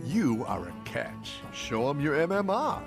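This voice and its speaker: An actor playing a friendly, wry fantasy tavern bartender, with a hearty innkeeper manner and teasing delivery. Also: male voice, fairly high pitch, huge pitch swings, unhurried, gravelly, loud music behind the voice, heavily acted. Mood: friendly advice. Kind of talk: in-character answers to questions.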